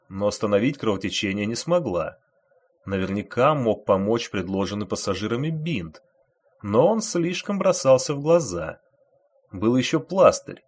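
Husky, expressive male audiobook narrator. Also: mid-range voice.

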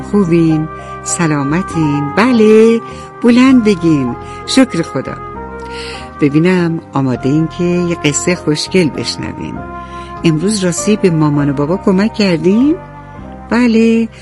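A woman radio storyteller narrating a bedtime story, warmly speaking directly to the children listening. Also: on the low side. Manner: warm, addresses children directly.

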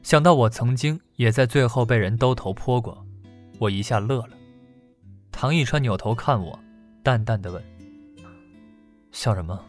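A man narrates a serialized novel in an even, measured storytelling voice. His pitch sits in the middle, and faint plucked guitar plays beneath him. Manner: steady storytelling delivery. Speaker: audiobook narrator. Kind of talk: scripted narration.

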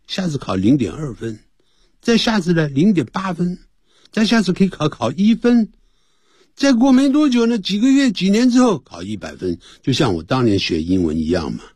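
A male English teacher on a radio lesson, his husky voice swooping high and low as he explains. He switches between Chinese explanation and slow, careful English readings, close to a dry studio mic. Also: a little mellow, dry recording. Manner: explains Chinese and English in turn, reads phrases slowly.

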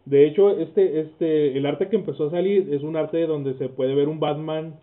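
Male co-host, relaxed chatty explainer, thin phone-like audio. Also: fairly high pitch, normal speed. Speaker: podcast co-host. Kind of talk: casual chat. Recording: tinny lo-fi podcast audio.

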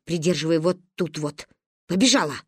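A stern old granny in her sixties or older, grumbling and practical, as a woman reader puts her on. Her voice drops low and gruff and she gives curt commands. The reading is close and dry. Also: moderate pace, dry recording.

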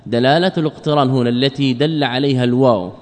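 A man's voice: mid-range voice, fairly even intonation, darkish tone. Man teaching a classical text, long reverb. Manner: explains slowly, repeats key phrases, quizzes students. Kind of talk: classical Arabic study lesson. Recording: long reverb of a lecture hall.

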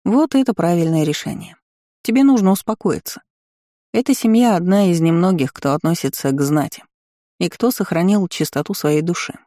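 A woman's voice: lowish voice, moderate pace, dark tone, no echo, clean studio sound, close to an everyday voice. A woman voicing a mocking, lazy and bossy ancient female dragon spirit in an audiobook.

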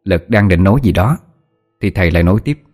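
A man narrating a horror story in a steady, measured storytelling voice. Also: deep voice, soft background music. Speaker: audiobook narrator.

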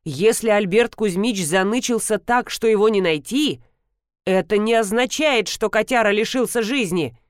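A woman's voice: medium pitch, moderate pace, clean tone, no echo, studio quality, lightly acted. Woman reading a firm, no-nonsense man. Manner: firm, reassuring. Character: calm no-nonsense man colleague.

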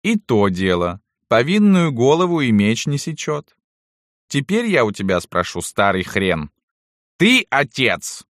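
A man's voice: medium pitch, huge pitch swings, unhurried, fairly bright tone, no echo, studio quality, pitched above the performer's own voice. A man voicing a cruel, mocking middle-aged noblewoman landowner who taunts her serfs in a sneering sing-song. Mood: taunting.

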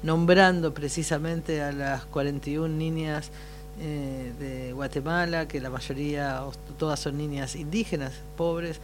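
A man's voice: fairly high pitch, steady tone, noisy background. Thoughtful Argentine man on community radio. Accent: Argentine Spanish. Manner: thoughtful, halting with fillers. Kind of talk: casual radio talk.

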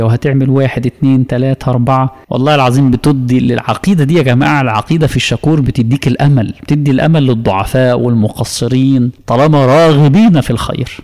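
A man's voice: mid-range voice, a little mellow, big-room sound. A man with an Egyptian Arabic accent teaching a religious lesson, emphatic and full of rhetorical questions. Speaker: preacher teaching a creed course.

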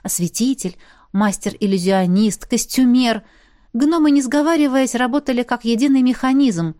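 A woman reading a first-person fantasy audiobook in a lively, expressive way. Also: on the high side, moderate pace, dry recording, clean studio sound. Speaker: audiobook narrator.

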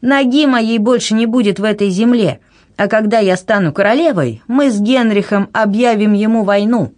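A woman voicing a proud, hot-tempered young princess who shouts indignantly. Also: normal speed, close to an everyday voice. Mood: furious. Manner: shrill, indignant outbursts.

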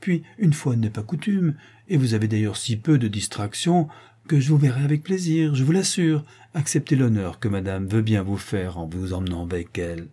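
Male reader as a gentle modest bookseller, warm-toned husky voice. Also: mid-range voice, moderate pace, natural voice. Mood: kindly. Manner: kindly, gentle. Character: kindly modest older bookseller husband.

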